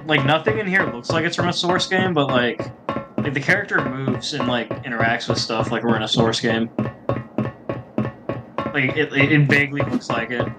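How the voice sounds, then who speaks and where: Casting: young male spectator, chatty and meandering, music loud underneath. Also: medium pitch, moderate pace. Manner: chatty, lots of filler 'like', swears when annoyed. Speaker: spectating co-host. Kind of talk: casual gameplay chat.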